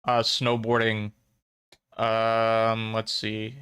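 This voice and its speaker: A young man with a clear, smooth voice tells a personal story on a podcast. He meanders with frequent ums and uhs. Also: on the low side, completely flat delivery, drawn-out words, a bit bright, no echo. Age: young adult. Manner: rambling with many ums and uhs. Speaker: podcast co-host. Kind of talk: casual storytelling.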